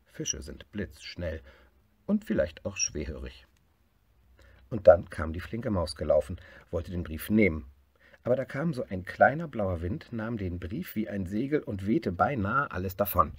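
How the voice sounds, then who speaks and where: A man reading a picture book aloud, lively and expressive. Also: low voice, unhurried, slightly rough, dry recording. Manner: lively, expressive reading, swelling louder in happy parts. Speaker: storyteller.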